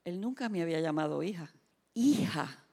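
A woman preaching a sermon, telling a personal story with quoted voices, dropping to hushed tones and rising to emphatic passages. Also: mid-range voice, moderate pace. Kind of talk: sermon testimony.

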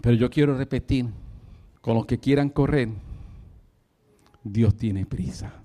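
A man's voice: mid-range voice, a little slow, warm tone. A man preaching a sermon, telling a story with fervent energy and breaking into laughter. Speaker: pastor.

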